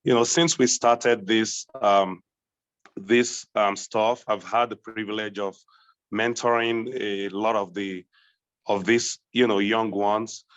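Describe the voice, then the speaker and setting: A hoarse man speaking as a panel guest, halting and repeating his words. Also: on the low side, fairly even intonation, no room sound. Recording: dry dull online call audio.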